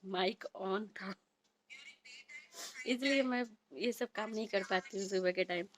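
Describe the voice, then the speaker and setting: A woman in her thirties chatting softly in a casual home vlog, recorded at home on a phone set a little way off. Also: medium pitch, unhurried, slight background noise, low-quality recording. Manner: speaks softly and quietly. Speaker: vlogger and homemaker. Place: indoors at home. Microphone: phone placed a little way off.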